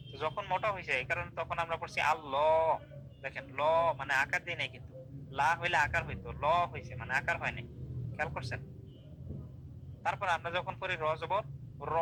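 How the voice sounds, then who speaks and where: A man teaching Quran recitation in an online class explains step by step, repeats drills, and asks checking questions. His voice is fairly high, and the background is noisy.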